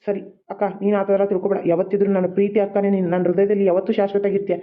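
Cartoon drama: a performer plays a hot-headed rich young man, rapid and exasperated. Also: mid-range voice, level tone, narrow, tinny audio, close to an everyday voice. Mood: affectionate. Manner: exasperated, blunt, quick-talking. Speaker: cartoon voice actor. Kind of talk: homemade cartoon drama dialogue.

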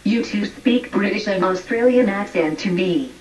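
A woman's voice: medium pitch, normal speed, a little mellow, faint music behind, natural voice. Synthetic female voice as a strict scolding teacher. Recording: distant, dull TV-speaker sound.

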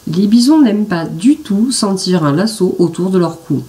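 A woman narrating a children's picture story in an expressive, animated reading voice. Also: mid-range voice, normal speed, recorded from a distance.

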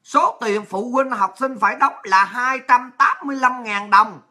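A woman's voice: a little high, normal speed, pushed and bright. A woman with a Southern Vietnamese accent hosting a livestream, ranting crudely and abrasively while reading out viewer messages. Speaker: livestream host.

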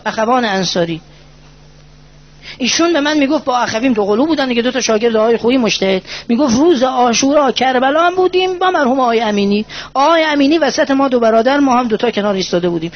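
Husky guy preaching, gets worked up then goes quiet, dull lo-fi sound. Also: extremely high pitch. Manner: impassioned, swings between hushed and raised; recites poetry and Arabic prayers. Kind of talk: religious lecture. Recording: dull lo-fi recording.

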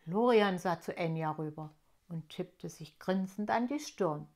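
Slow, gentle woman reading a storybook. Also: lowish voice. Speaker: storyteller for children. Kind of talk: reading a children's book aloud.

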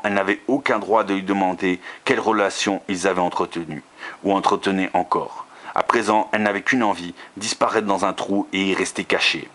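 Homme grave lisant un roman. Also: male voice, sits low. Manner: steady reading with occasional slips and restarts. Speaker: reader of a romance novel. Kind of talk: reading a novel aloud.

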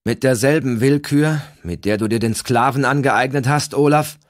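A man reads aloud, lightly acting the part of a determined young Norse leader who pleads earnestly and urgently, pitching above his own natural voice. His medium-pitched voice moves at a moderate pace, recorded with clean studio sound and no echo.

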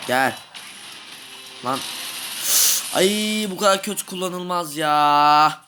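Excitable young man commentating his gameplay. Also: a little high, slow pace, background noise. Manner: excitable, shouts and groans at the game. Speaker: gaming video host. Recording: game music playing behind.

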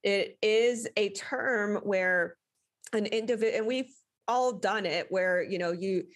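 A woman's voice: medium pitch, slow. Meandering woman podcast host. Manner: meandering, many fillers, explanatory. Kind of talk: casual faith-based talk.

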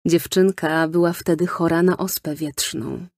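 A woman narrating a children's storybook in a lively storytelling manner, recorded close in a studio. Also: low-pitched, unhurried, no echo. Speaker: audiobook narrator.

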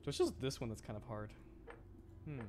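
Talking fairly quickly with big swings in his medium pitch, a young adult man comments live on the video game he's playing. He grumbles to himself and bursts out in frustration, all over a noisy background.

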